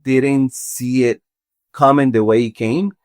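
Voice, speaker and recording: Faint music plays behind this medium-pitched, darkish male voice, which keeps a fairly even intonation. He's a contractor from Venezuela in his forties, chatting as a podcast guest in the studio, and he works through his ideas haltingly and thoughtfully, with frequent restarts.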